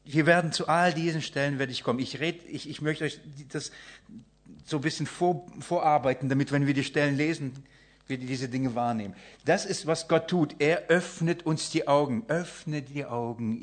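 A man with a somewhat high voice preaches a sermon to his congregation. He is emphatic and animated, swinging from loud bursts to near-quiet passages. He acts out the people he quotes as he goes. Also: moderate pace.

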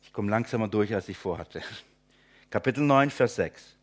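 A man's voice: on the low side, animated. A man preaching, teaching a Bible passage verse by verse, asking his listeners rhetorical questions and calling them friends. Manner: acts out imagined objectors in quick asides. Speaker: pastor.

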